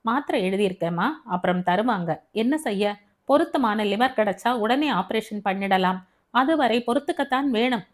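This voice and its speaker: A woman voicing a brisk senior male doctor who gives quick, matter-of-fact instructions, in an audio novel. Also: on the high side, animated, close to an everyday voice.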